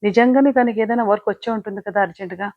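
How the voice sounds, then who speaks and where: A woman's voice: mid-range voice, racing, dry recording, natural voice. A woman playing a caring older sister who lectures her younger sister with firm moral advice. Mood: lecturing. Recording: dull lo-fi, dry.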